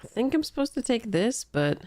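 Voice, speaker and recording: A woman's voice: fairly high pitch, big pitch swings, fairly quick, mellow, no room sound, studio quality. A woman with a congested, stuffy nose, commentating casually and wryly on a game as she streams.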